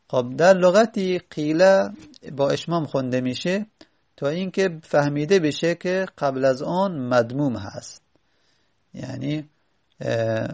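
Male teacher with a gravelly, somewhat high voice, reading a text and then patiently explaining it. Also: a little mellow. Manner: reads an Arabic text aloud, then explains it slowly with many pauses and fillers. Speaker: Arabic grammar teacher. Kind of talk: classroom lesson explaining Arabic morphology.

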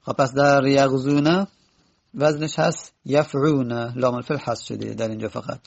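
A man teaching a grammar lesson, repeating word forms slowly and correcting himself as he goes. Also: mid-range voice, steady tone, vocal fry, muffled recording.

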